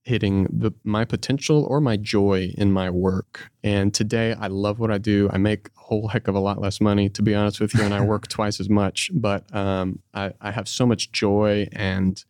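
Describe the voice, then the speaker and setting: A man speaks as a podcast guest in a low voice, recorded dry. He talks casually, with halting self-corrections along the way. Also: fairly even intonation, a little mellow, dry recording. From Texas, United States. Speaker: podcast guest, small business founder. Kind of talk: casual interview talk.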